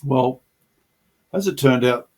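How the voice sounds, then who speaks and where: A middle-aged channel host earnestly shares his testimony of how he came to faith, telling it in a reflective storytelling manner. His voice is mid-range, slow and a little mellow.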